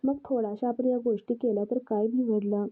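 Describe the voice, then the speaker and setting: A woman reading the lines of a smooth-talking young man who coaxes and reassures. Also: on the high side, fairly even intonation, fairly quick, lightly acted. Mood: coaxing. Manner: reassuring, coaxing. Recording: tinny phone-like sound.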